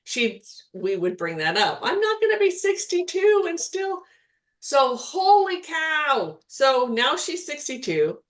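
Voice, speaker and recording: A middle-aged woman with a high-pitched, very animated voice speaks slowly while co-hosting a podcast. A spiritual healer, she chats casually and rambles, often restarting and laughing.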